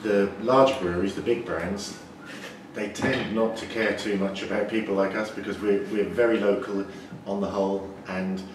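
A man in his forties, a brewer, explaining things in a measured way with frequent restarts during an interview in a brewery. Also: fairly low pitch, fairly even intonation. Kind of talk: interview answers. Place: indoor brewery floor. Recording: echoey, distant, noisy brewery room.

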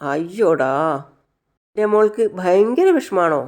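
In the narrator's telling, a doting father who babies his sulking little girl. He coaxes and soothes in a gentle, sing-song way, a soap-opera retelling. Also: medium pitch, expressive, measured pace. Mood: coaxing. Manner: coaxing, babying tone. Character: doting young father, soft and coaxing.

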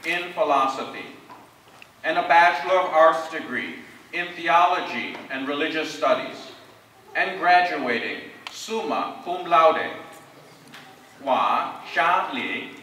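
A man slowly and deliberately reading out graduates' names and degrees at a formal commencement ceremony. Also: fairly high pitch, animated, pushed and bright, a little hiss or hum. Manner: slow, measured, deliberate name reading. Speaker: commencement name reader. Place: large ceremony hall. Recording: echoey hall from far off.

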